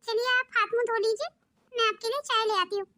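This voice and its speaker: Woman voicing a cartoon elder daughter-in-law, thrifty, matter-of-fact, high-pitched, bright. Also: fairly even intonation, a little fast. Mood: calm.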